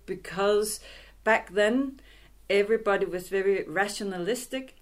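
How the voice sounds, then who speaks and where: Language instructor, woman, middle-aged; unhurried, halting delivery with frequent restarts, sitting in an office. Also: mid-range voice. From Greenland and Denmark. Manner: slow, halting, thoughtful with many restarts. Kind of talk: casual interview conversation. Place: office in a theatre building.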